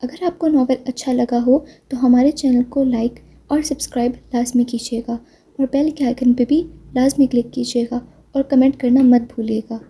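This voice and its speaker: A woman narrating a novel aloud in a steady storytelling manner. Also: high-pitched, breathy edge.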